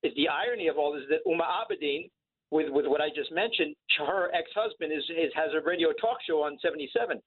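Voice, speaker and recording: Guy calling into a radio show over the phone, kinda high voice, tinny line, earnest and halting. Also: expressive, crowd noise. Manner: earnest, halting with fillers and restarts. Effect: heard over the phone. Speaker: caller. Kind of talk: call-in radio talk.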